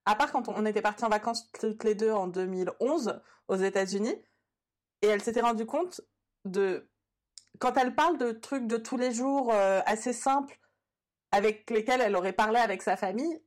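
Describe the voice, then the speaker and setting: A woman co-hosting a podcast, telling a long anecdote in a chatty way, full of fillers. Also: a little high. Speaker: podcast co-host. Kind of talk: casual storytelling.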